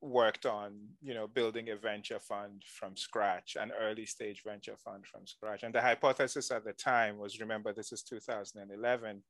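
A man's voice: fairly low pitch, fairly even intonation, moderate pace, few pauses, a bit bright, dry recording. Guest voice: man from ghana, 40s, chatty venture investor, dry close mic. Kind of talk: conversational interview.

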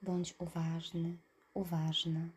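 A woman narrating a guided relaxation in a soft, calm voice that trails into breathy whispers. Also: fairly low pitch, slow, slight background noise. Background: birdsong and nature ambience.

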